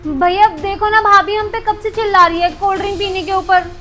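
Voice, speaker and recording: A woman's voice: very high-pitched, fairly even intonation, brisk, over music. A woman acting a younger sister in a family skit who pleads and insists. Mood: pleading. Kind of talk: amateur Hindi web-skit acting.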